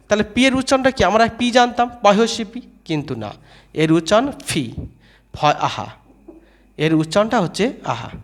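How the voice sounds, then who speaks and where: A man giving a spoken lesson on how to say letters, asking questions, answering them himself and repeating each sound slowly. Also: sits high. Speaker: English teacher.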